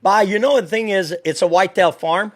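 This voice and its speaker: A man with a French accent, a native French speaker, talking as a podcast guest in an animated way, laughing often and searching for English words. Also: high voice, brisk. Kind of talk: casual interview.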